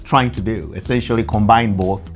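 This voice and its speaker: A man from Tanzania, an oral surgeon, talking casually in an interview at his dental office with a lapel mic, pausing and slowing on words. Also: lowish voice, fairly even intonation, soft background music. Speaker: guest dentist, oral surgeon.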